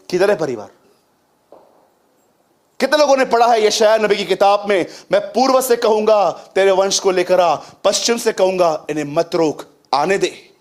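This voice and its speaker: A man preaching a sermon, often questioning the congregation and quoting scripture with emphasis. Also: sits high.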